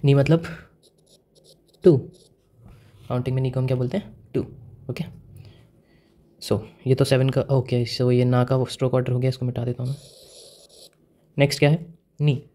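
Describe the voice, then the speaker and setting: With a dark, mid-range voice and fairly even intonation, a man with an Indian accent teaches Japanese writing step by step at a whiteboard, speaking at normal speed with long pauses. He often asks the viewer questions and mixes English words into his Hindi.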